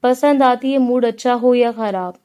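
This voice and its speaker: A fond, teasing young husband from a romance audiobook, read by a woman in a soft, playful tone. The voice sits fairly high, warm and smooth, without much change from the reader's own. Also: natural voice. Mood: tender. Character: affectionate young husband teasing his wife. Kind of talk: audiobook character reading.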